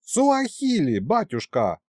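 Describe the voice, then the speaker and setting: A man's voice: high-pitched, huge pitch swings, slow pace, darkish tone, no echo, studio quality, pitched above the performer's own voice, full character voice. Man doing a chatty cheeky young kikimora girl. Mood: eager. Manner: rattling, eager.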